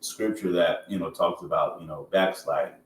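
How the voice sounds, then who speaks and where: Hosting his podcast, a man from Georgia in the United States speaks with a deep, steady voice at a moderate pace, chatting informally and sometimes reading from a reference text. He sits back from the mic in an echoey room, with faint background noise.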